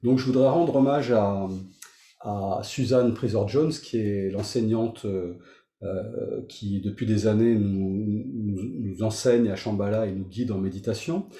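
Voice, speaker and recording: A man's voice: fairly low pitch, a little slow, dark tone. A man teaching meditation, talking informally to his group in front of a camera, hesitant with many fillers and restarts. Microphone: facing a camera. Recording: roomy echo.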